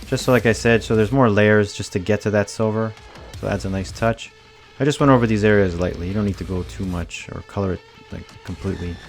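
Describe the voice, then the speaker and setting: Relaxed man explaining a craft build. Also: fairly low pitch, quick pace, faint music behind. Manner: relaxed, plain step-by-step explaining. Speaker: cosplay prop maker. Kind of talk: casual tutorial voice-over. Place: home workshop, indoors.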